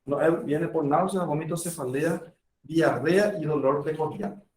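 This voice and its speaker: A man's voice: fairly high pitch, a little slow, a little mellow. Echoey man lecturing medicine. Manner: conversational, acts out patient dialogues. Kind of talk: classroom lecture. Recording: echoey room, far from the mic.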